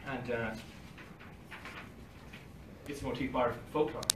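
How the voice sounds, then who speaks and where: A young conference speaker reads his academic talk from notes at a lectern in a flat, mid-range voice, a little slow, with dry asides and short laughs. Recorded by a phone camera from the far side of a library meeting room, the audio is roomy and distant, with faint hiss and livestream quality.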